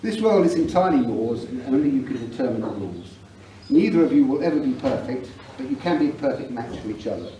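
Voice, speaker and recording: A man's voice: medium pitch, sing-song, fast, few pauses, mellow. A middle-aged man with an English accent, giving a humorous wedding speech as father of the bride. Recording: roomy, noisy event recording from far off.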